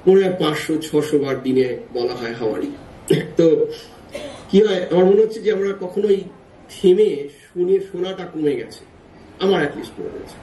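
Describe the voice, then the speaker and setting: A middle-aged man, an author, telling a personal story at his book launch, mixing Bengali and English and pausing often on fillers. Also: high voice, mellow. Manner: hesitant, with frequent uh and ah fillers. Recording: echoey room, distant mic, some noise.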